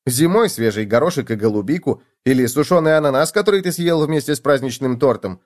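A man voicing a cheerful, talkative male gopher in a children's storybook, speaking higher and brighter than his own voice. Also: animated, fairly quick, lightly acted. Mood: explaining. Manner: bright, chatty, raised pitch. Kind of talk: storybook reading.

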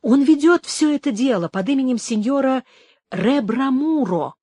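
A woman voicing an eager, helpful male priest who speaks in a brisk, raised and reassuring way, in a storybook reading. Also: sits high, animated, warm tone, slightly rough, no echo, voice pushed up.

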